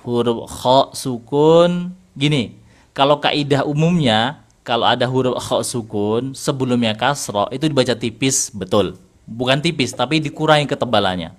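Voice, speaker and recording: An Indonesian man with a mid-pitched voice runs an online Quran recitation class. He corrects his student patiently, asks leading questions and chuckles now and then as he explains. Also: normal speed. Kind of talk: interactive online recitation lesson.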